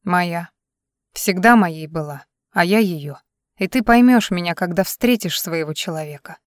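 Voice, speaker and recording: A woman's voice: lowish voice, unhurried, dry recording, studio quality, natural voice. A woman reading an audiobook, voicing a tired, level-headed young male musician who speaks curtly and patiently. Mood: firm, weary.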